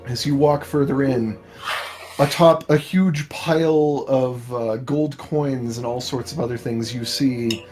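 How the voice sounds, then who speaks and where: A man narrating a tabletop game as game master, improvising the story in a halting, measured way. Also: mid-range voice, steady tone, a little mellow. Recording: faint background music.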